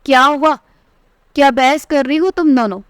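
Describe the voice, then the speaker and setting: A woman's voice: sits high, normal speed, dry recording, studio quality, lightly acted. Woman voicing a curt scolding mother-in-law. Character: stern middle-aged mother-in-law, curt and dismissive.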